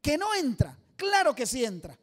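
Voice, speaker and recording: A man's voice: very high-pitched, huge pitch swings, moderate pace, fairly bright tone. A man preaching an evangelistic sermon to a congregation, emphatic and quizzing the listeners for answers. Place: church service before a live audience.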